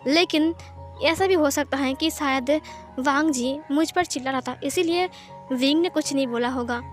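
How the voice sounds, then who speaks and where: A woman's voice: high voice, normal speed, faint music behind. A woman narrating a fan fiction story, reading it in a plain storytelling manner. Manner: plain storytelling with many speech tags.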